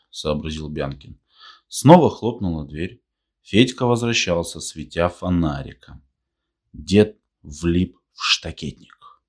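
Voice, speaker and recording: A man reads a novel aloud in a measured, even storytelling voice. His tone sits very low and deep throughout. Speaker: narrator. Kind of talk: audiobook reading.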